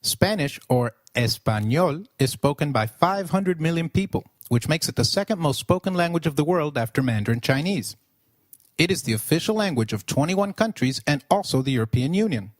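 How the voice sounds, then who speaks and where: A man's voice: on the high side, animated, no echo, clean studio sound. Upbeat man narrating a scripted lesson. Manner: upbeat, slows down to model words. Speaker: language teacher.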